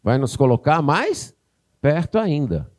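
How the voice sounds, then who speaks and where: A man's voice: on the high side, unhurried. Brazilian northeast pastor guy preaching, voice swings up and down a lot, does little voices for the examples. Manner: animated preaching, acts out parent and child in a raised voice. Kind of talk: sermon.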